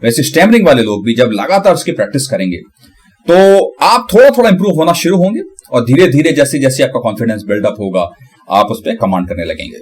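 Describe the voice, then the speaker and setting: A man giving a casual tutorial on pronunciation, breaking hard words into syllables and repeating them slowly. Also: mid-range voice, expressive, husky. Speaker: channel host.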